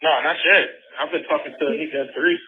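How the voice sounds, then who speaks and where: A man's voice: on the high side, fairly even intonation, fast. A man calling his grandmother from jail on a prison phone line, talking in a streetwise, emphatic way and swearing freely. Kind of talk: casual phone chat. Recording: tinny, echoey phone line with faint hiss.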